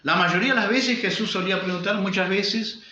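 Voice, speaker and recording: The roomy, dull, lo-fi recording, with slight background noise, captures a male pastor preaching a sermon. He has a Uruguayan Spanish accent and a high-pitched, bright, forceful voice, speaking fairly quickly and emphatically with repetition and rhetorical questions.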